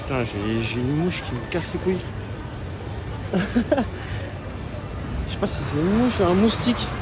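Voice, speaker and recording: A man's voice: a little high, sing-song, unhurried. A man hosting a casual live vlog from an outdoor theme park on his phone, chatty and slangy, swearing now and then. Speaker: livestream host. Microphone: handheld phone. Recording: park music and crowd noise behind.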